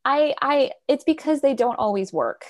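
A woman co-hosting a casual movie podcast, rambling with halting restarts and bursts of excitement. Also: high-pitched. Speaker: podcast co-host. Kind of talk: casual chat about a movie.

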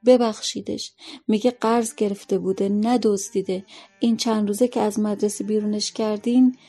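A woman's voice: mid-range voice, fairly even intonation, warm tone, breathy edge, faint music behind. A woman voicing a poor old grandmother who pleads tearfully and curses under her breath, in a story reading. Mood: pleading.

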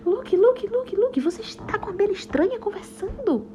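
A woman doing an excitable, gullible girl bee. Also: extremely high pitch, moderate pace, a little hiss or hum, voice pushed up. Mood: excited. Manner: excited, chattering.

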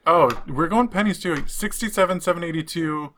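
A man's voice: a little high, normal speed, bright, forceful tone, slight background noise. A man from Canada, co-hosting in a jokey, informal, casual chat. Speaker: co-host. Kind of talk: casual banter.

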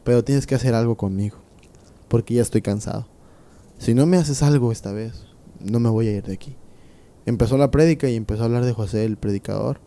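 Young man, casual testimony, very dark tone, drops to hushed tones when moved. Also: medium pitch. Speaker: interviewee sharing a conversion testimony.

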